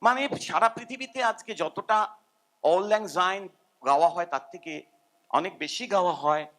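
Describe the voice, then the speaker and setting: A man's voice: high-pitched, unhurried. An older man, a musician, giving an informal, rambling seminar talk and humming melodies now and then. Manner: animated, rambling, self-deprecating, hums tunes.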